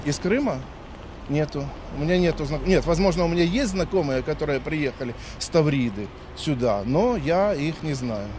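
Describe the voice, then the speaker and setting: A man in his fifties, taking part in a dictation, answers a reporter out on a city street in a slightly high, expressive, somewhat mellow voice at a moderate pace. He comes across as lecturing and argumentative, hesitating often. Faint street noise can be heard.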